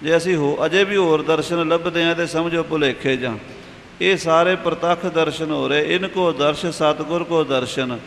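A man giving a calm, instructive sermon, explaining how scripture should be read. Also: a little high, moderate pace. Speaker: religious teacher explaining scripture. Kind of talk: sermon with reading guidance. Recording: echoey hall with faint hiss.

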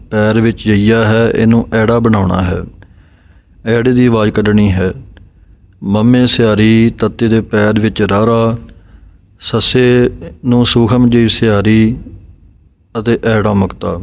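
A man teaching scripture recitation, chanting each verse slowly and drawn out, then briskly explaining pauses and pronunciation. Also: fairly low pitch, level tone, darkish tone.

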